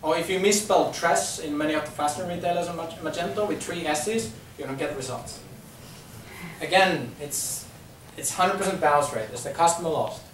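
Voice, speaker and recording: A fairly high-pitched man in his thirties with a Finnish accent, from Finland, gives a chatty business talk at normal speed to an audience in a conference room, often repeating words and saying um. With no mic and only a distant camera, the audio is echoey with a faint hum.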